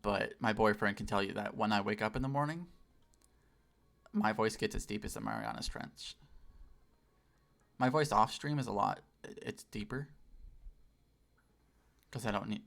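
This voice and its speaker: A man's voice: on the low side, gravelly, fairly bright tone. A man in his late twenties chatting casually on a game livestream, putting on a customer service voice, sweary and self-deprecating. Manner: customer service voice, deliberately lifted. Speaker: game streamer. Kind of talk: casual livestream chat while playing.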